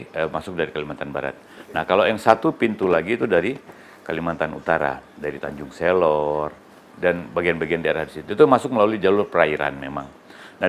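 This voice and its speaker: A police official explaining in an interview, speaking deliberately with pauses and fillers. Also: male voice, deep voice, a little hiss or hum.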